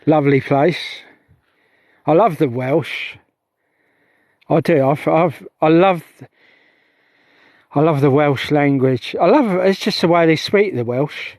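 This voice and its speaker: A middle-aged UFO investigator livestreams from a heath, talking slowly in a slightly high, darkish voice and pausing often. He is chatty and rambling, repeatedly breaking off to start again. The audio is studio quality with no echo.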